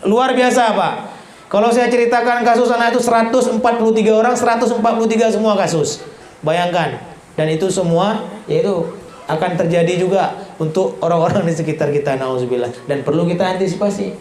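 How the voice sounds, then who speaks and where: A man giving an Islamic parenting talk, acting out quick exchanges between parents and teens with lively jumps in pitch. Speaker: parenting lecturer. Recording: echoey hall with faint noise.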